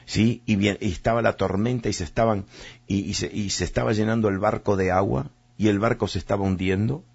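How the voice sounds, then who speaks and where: A man's voice: on the low side, fairly even intonation, brisk, creaky, a little mellow, husky. A male pastor preaching a sermon, repeating words and speaking straight to his listeners. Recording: dull lo-fi recording.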